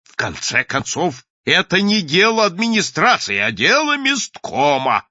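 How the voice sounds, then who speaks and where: A man voicing a hot-tempered, pompous office boss who brushes off an employee in officious, loud tones. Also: sits high, big pitch swings, measured pace, dry recording, muffled recording, voice pushed up, heavily acted.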